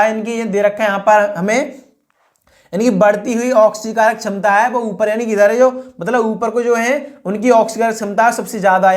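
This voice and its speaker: Woman, chemistry teacher, exam-prep lecture, asks then repeats each answer, lots of filler words, mid-pitched voice. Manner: fills speech with 'I mean' and 'that is'.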